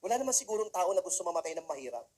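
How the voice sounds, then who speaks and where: A man's voice: sits high, sing-song, racing, darkish tone. A man from the Philippines giving a humorous talk to students, telling comic stories and speaking straight to the audience. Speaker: motivational speaker.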